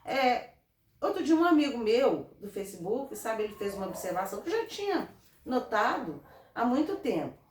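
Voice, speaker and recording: A woman from Brazil, a guest in an interview, giving earnest, animated advice in casual talk. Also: fairly high pitch, normal speed, slight background noise. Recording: roomy, from a distance off mic.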